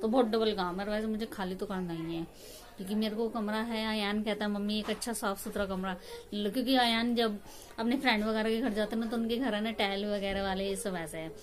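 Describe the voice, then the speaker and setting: A woman's voice: mid-range voice, fairly even intonation, fairly quick, a little hiss or hum. A woman in her thirties talking casually to her viewers from her rented room at home, rambling and emotional with many restarts. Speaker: family vlogger.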